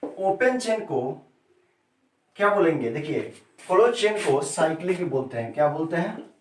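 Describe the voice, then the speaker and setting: A man's voice: on the high side, big pitch swings, moderate pace, slight background noise. Man teaching chemistry in an echoey room. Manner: repeats key terms and quizzes students with questions. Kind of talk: classroom lesson. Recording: echoey room, mic set far off.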